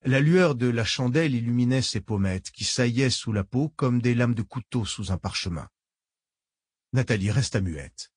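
A man reading an audiobook as narrator, measured storytelling. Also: mid-range voice, expressive, darkish tone, breathy edge, no echo, clean studio sound.

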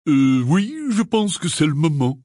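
A man voicing a gruff, grizzled old male auror who growls his words slowly. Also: animated, dark tone, no echo, studio quality. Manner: growling, slow and low.

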